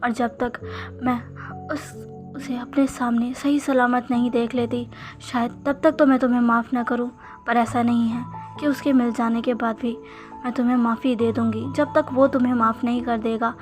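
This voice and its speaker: Woman narrator doing a stern mother, quiet and firm, slightly high voice. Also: flat delivery, normal speed, faint music behind, natural voice. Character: stern grieving mother, unforgiving of her son.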